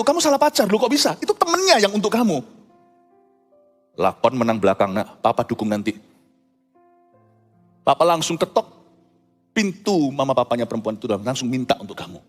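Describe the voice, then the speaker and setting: A man preaching a sermon in a playful way, swinging between loud exclamations and low asides. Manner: playful, mixes in English words. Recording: long hall reverb with faint music behind.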